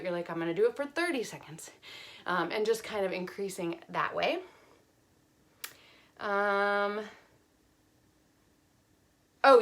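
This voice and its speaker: Young female fitness instructor, casual, filler-heavy, slightly winded mid-workout. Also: medium pitch. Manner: chatty, many fillers, counts aloud while demonstrating. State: slightly out of breath while exercising. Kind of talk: casual exercise demonstration.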